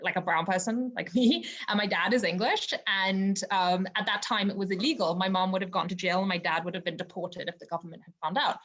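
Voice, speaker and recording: A woman from Zimbabwe, guesting on a podcast from home via remote call, speaks briskly with hardly any pauses. Her medium-pitched voice is a bit bright, with the highs cut off in the recording. In this casual interview she's earnest and reflective, leaning on fillers like "you know."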